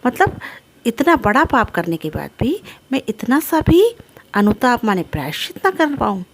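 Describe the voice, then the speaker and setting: Woman teacher glossing poetry, slightly high voice. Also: big pitch swings, moderate pace. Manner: explains each verse word by word, piling up synonyms. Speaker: Hindi teacher. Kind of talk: explaining poetry in a class lesson.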